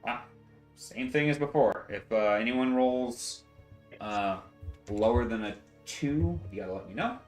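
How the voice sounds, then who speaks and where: A man's voice: medium pitch, measured pace. A man running a tabletop game as game master, narrating with lots of fillers. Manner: relaxed, filler-heavy narration. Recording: roomy echo, faint music.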